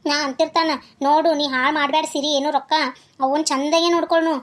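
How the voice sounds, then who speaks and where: A sweet cartoon schoolgirl, very high and quick, soothing her worried mother, as a woman puts her on. Her North Karnataka Kannada accent comes through soft and eager. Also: steady tone, a little hiss or hum, close to an everyday voice. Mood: reassuring. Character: young schoolgirl daughter, gentle and reassuring.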